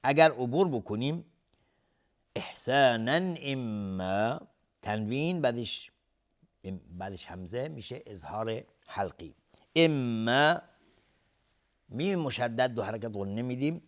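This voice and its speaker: A man with a Persian accent leads a recitation lesson. He draws out each verse in a slow, raised chant, then drops into brisk, matter-of-fact explanation of the rules. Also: mid-range voice, animated. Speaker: Quran recitation teacher.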